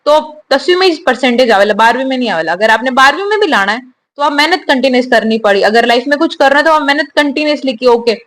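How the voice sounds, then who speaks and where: A young woman, a new army officer, giving steady, earnest answers in an interview. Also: sits high, fast, slight background noise. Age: young adult.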